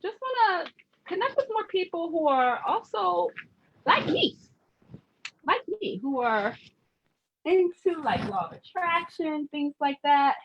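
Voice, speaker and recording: A woman's voice: very high voice, animated, unhurried, lo-fi sound. A woman who grew up in Germany as a military child, hosting a casual spiritual chat in an affirming manner and repeating phrases for emphasis. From grew up in Germany as an American military child. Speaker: host leading a vision board party. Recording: noisy background hiss.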